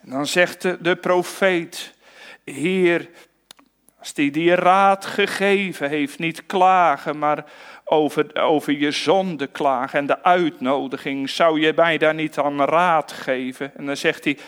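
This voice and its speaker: A man preaching a sermon to his congregation in a church, slow and earnest, asking many rhetorical questions. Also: fairly high pitch, fairly even intonation, fairly bright tone, clear, resonant tone. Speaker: pastor.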